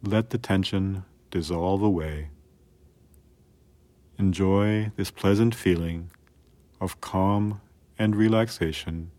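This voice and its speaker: A man calmly narrating a scripted guided relaxation in a soothing, measured way with long pauses. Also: deep voice.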